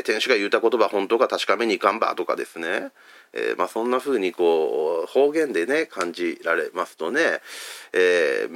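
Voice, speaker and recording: A middle-aged man from Fukuoka with a Hakata accent, preaching a gentle, chatty sermon with many fillers. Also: fairly low pitch, dry recording. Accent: Hakata dialect. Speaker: pastor.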